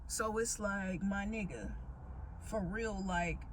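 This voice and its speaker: Woman in her twenties, American accent, mid-range pitch, casual candid vlog rant, slangy and profane, noisy vehicle ambience. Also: slow. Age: 20s. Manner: slangy, profanity-heavy, emphatic. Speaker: vlogger.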